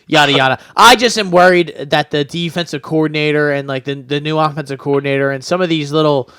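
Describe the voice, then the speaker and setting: A man's voice: on the high side, fairly even intonation, quick pace, sharp tone, clear, resonant tone, no room sound, studio quality. A young man co-hosting a casual sports podcast, laid-back and rambling with lots of fillers. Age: young adult. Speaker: podcast co-host.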